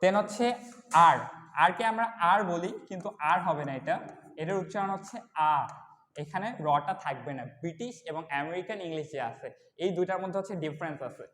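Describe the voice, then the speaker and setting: A young man with a high voice teaches children English letters. He explains slowly and repeats each letter one by one. His voice rings out in an echoey room with a long reverb tail. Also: animated, fairly bright tone. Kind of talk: classroom lesson for kids.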